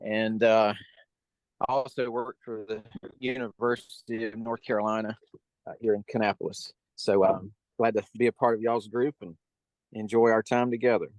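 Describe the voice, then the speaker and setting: A man's voice: fairly low pitch, level tone, normal speed, darkish tone, dry recording, low-quality recording. Friendly city council guy calling in on his phone, dry close sound. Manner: friendly, fillers. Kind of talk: self-introduction over the phone while traveling.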